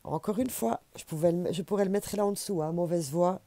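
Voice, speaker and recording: A woman's voice: lowish voice, a little fast, dark tone. A woman with a Belgian French accent, giving a chatty, encouraging oracle card reading to camera and repeating herself for emphasis. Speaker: intuitive oracle card reader.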